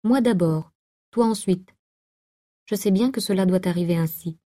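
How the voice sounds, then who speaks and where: A woman's voice: mid-range voice, normal speed, dark tone, lightly acted. A woman reading aloud and voicing a defiant, sulky, fatalistic young woman. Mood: calm.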